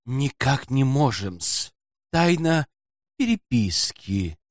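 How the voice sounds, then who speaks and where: A man voicing a sly, greedy hotel porter who talks in a folksy, servile, hushed way in an audiobook. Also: medium pitch, sing-song, unhurried, dry recording, clean studio sound. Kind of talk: audiobook character voice.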